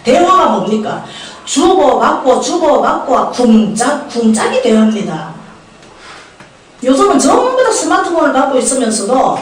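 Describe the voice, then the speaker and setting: An older woman with a Gyeongsang Korean accent delivers a lively, joking sermon, asking the congregation questions as she goes. Her fairly high voice swings widely in pitch. She is heard from a distance in a very echoey church hall, with a faint hiss underneath. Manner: humorous, chatty, asks the congregation questions. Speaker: prayer house director preaching. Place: church sanctuary.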